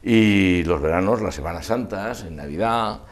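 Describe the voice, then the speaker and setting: An older man reminiscing in an interview, discursive and halting, often trailing off mid-thought. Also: low voice. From Spain. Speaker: interview guest, festival proclamation speaker.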